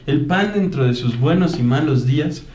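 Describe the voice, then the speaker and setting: A man's voice: fairly high pitch, expressive, normal speed, a little mellow. A man on a political panel, arguing his point and listing dates and facts. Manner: argumentative, lists dates and facts. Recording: roomy echo with faint noise.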